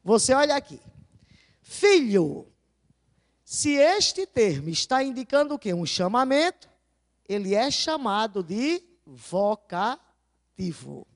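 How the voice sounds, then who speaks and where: A woman teacher walks through exam answers with a lively voice that swings up and down. She sits a little high in pitch and keeps quizzing her class with questions she answers herself. The sound is close and dry, with no room around it. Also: dry recording. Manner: didactic, stresses key words slowly. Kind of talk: video lesson going over exam answers.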